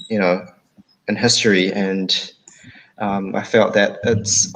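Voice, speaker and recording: A man's voice: fairly low pitch, rough recording. A man, a guest speaker at an online talk, thinking aloud with many fillers. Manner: thoughtful, rambling, many fillers.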